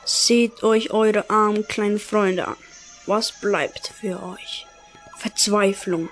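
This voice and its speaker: A woman reading out a gloating male dark lord villain in a video game, with a whispery, drawn-out delivery. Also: medium pitch, fairly even intonation, soft background music, close to an everyday voice. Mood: menacing. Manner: whispery, drawn-out evil laugh.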